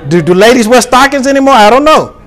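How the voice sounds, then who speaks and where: A pastor preaching a sermon to his congregation, calling for responses and rising to shouts. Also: very high voice, animated, quick pace.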